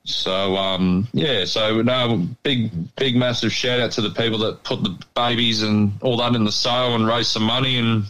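A man's voice: medium pitch, steady tone, normal speed, few pauses, fairly bright tone, poor audio. An Australian man chatting casually as a radio guest in a rambling, blokey way. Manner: blokey, rambling, peppered with "mate". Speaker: radio interview guest, pigeon club member. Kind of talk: casual chat.

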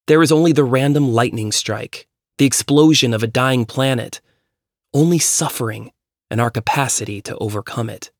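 Measured male essay narrator, dry sound. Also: mid-range voice, no room sound. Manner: measured, reflective reading.

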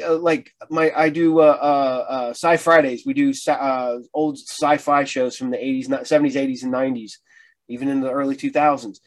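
A man hosting a casual chat, speaking in a halting, anecdotal way and often repeating words. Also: a little high. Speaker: interviewer, online show host.

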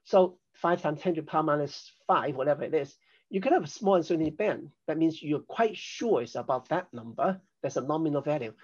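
A man's voice: a little high, lively intonation, brisk, breathy edge, highs cut off. An older man from Hong Kong, a podcast guest, explaining risk assessment in a chatty, self-deprecating way. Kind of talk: conversational interview.

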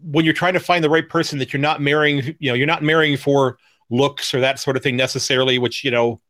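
Fast-talking hesitant podcast host man. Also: medium pitch, steady tone, a bit bright, dry recording, studio quality. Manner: hesitant, restarts a lot. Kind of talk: casual chat.

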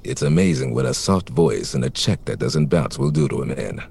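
An actor playing a wisecracking, world-weary private detective, deadpan, in a parody noir audio drama. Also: male voice, extremely low pitch, normal speed, creaky, husky, full character voice. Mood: wry, brooding. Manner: deadpan, hard-boiled wisecracking. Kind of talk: parody noir narration and radio drama acting.

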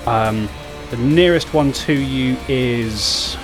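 A man runs a tabletop role-playing game as game master. He narrates in a halting, suspenseful way, picking his words as he goes, with music clearly playing behind him. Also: mid-range voice. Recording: background music under the voice.

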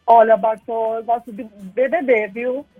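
A woman's voice: fairly high pitch, fairly even intonation, unhurried, faint music behind. A woman calling in to a radio show over the phone, chatting casually and adding little asides. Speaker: caller. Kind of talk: casual call-in chat. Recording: tinny phone line.

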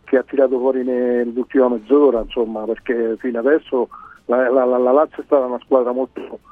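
A man calling in to a sports radio show, speaking casually and haltingly as he searches for words. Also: medium pitch, flat delivery, dry recording. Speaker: phone-in caller. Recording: dry narrow phone line, music behind.

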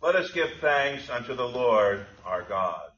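A man leading a church liturgy, intoning prayers in a formal, solemn, measured way, his voice ringing with a cathedral-like echo. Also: mid-range voice, lively intonation, over music. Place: large church sanctuary. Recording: dull, echoey church from far off.

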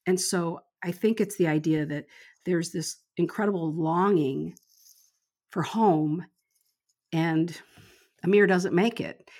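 A woman co-hosting a casual book discussion, talking enthusiastically and slowing down to stress the words that matter to her. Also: fairly low pitch. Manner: enthusiastic, emphatic, slows down on key words. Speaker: book club co-host.

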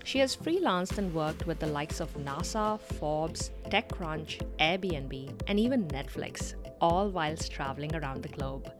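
A woman with a somewhat low voice hosts a podcast, reading introductions and putting questions in a measured, polite manner. Faint music sits behind her speech. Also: expressive. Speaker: podcast co-host. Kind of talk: scripted intro and interview questions.

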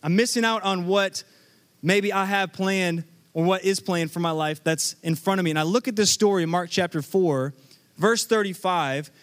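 A man's voice: high-pitched, normal speed. A man in his thirties preaching a sermon to a live congregation, telling stories and joking with the crowd. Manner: lively storytelling with crowd banter. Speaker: pastor.

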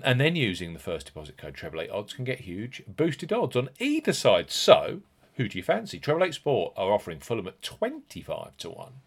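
A man hosting a podcast, reading scripted promotional narration with an emphatic sales delivery and stressed key words. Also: lowish voice. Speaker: podcast host.

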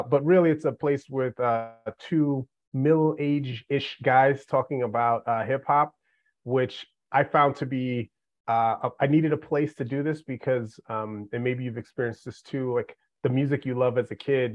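A man's voice: mid-range voice, dry recording. Man in his forties, dull lo-fi sound. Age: 40s. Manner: laid-back, joking, self-mocking. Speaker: podcast guest, management professor. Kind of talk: casual chat.

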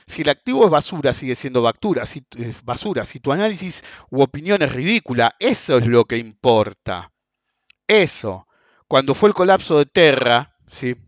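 Man, forties, Argentine accent, profane sarcastic rant, fairly high voice, lo-fi. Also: dry recording. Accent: Argentine Rioplatense Spanish. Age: 40s. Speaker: finance commentator. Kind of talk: casual rant to followers. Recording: dull, dry, lo-fi sound.

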